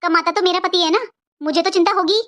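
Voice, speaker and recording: A woman's voice: extremely high pitch, steady tone, fast talker. A woman voicing a scheming, bossy young sister-in-law in a cartoon, nagging and taunting. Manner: nagging, taunting, sharp-tongued. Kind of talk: cartoon voice acting.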